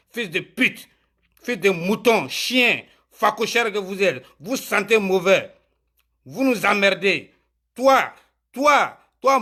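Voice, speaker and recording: Live stream host, man, high-pitched and bright, heated and insulting. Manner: angry, insulting, repetitive.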